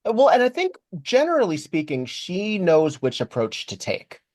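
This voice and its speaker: A man's voice: sits high, wildly swooping pitch, normal speed, darkish tone, no echo. Brief: male co-host, analytical wry recap talk, dry close-mic sound. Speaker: podcast co-host. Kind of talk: casual episode recap chat.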